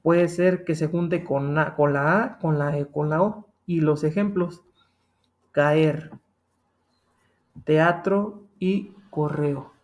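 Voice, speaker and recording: A man's voice: a little high, steady tone, slow pace, a little mellow. A man with a Mexican accent teaching a grammar lesson, patient and repetitive, often checking in with "ok?". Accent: Mexican Spanish.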